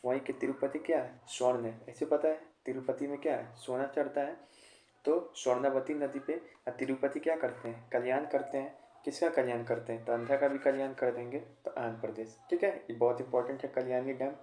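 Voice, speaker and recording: Guy teaching exam gk, keeps repeating his mnemonics, mellow voice, echoey room. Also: mid-range voice, fairly even intonation, a little fast. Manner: repeats mnemonics, quizzes with rhetorical questions. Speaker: general knowledge tutor. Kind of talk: exam-prep lesson with memory tricks.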